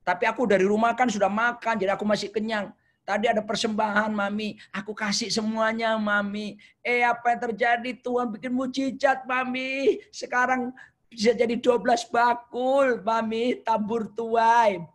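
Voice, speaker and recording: A man's voice: very high voice, flat delivery, moderate pace, voice pushed up. A man voicing an eager little boy in a sermon story, who keeps calling to his mother as he retells what happened. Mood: excited. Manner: eager, breathless retelling, repeats "Mami". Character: excited little boy telling his mother about a miracle.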